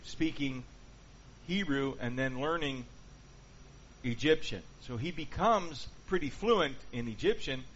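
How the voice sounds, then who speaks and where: A Bible class leader questions his group and goes through what they answer, his mid-range voice a bit bright, lively in intonation and measured in pace. Audio is dull lo-fi with faint hiss.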